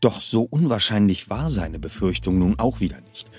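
Expressive male audiobook reader. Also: lowish voice, normal speed, breathy edge, dry recording. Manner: expressive, varied delivery. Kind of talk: dramatic audiobook reading.

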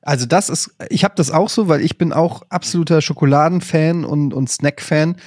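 A man's voice: on the high side, moderate pace, darkish tone, no echo, clean studio sound. A man hosting a podcast in casual chat, joking and mocking himself. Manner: joking, self-mocking banter. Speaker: podcast host.

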